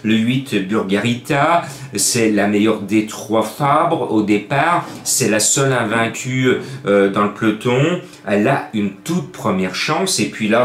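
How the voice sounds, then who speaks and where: Guy rambling through his horse race picks, lots of euhs, echoey room. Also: fairly low pitch. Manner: chatty, rambling, jokey, many fillers. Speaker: horse racing tipster. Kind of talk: casual betting tips video.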